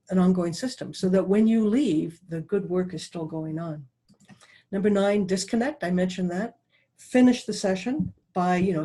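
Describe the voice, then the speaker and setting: A middle-aged woman giving an online talk as a dowsing presenter, speaking quickly and earnestly with restarts and asides. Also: fairly low pitch, mellow, slightly rough. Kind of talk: online talk over a video call. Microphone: video call.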